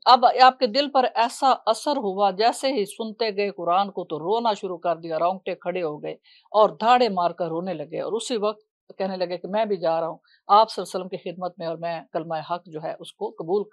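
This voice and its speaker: A woman's voice: fairly low pitch, no echo, lo-fi sound. Woman telling a reverent religious story. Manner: reverent, with frequent hesitation fillers.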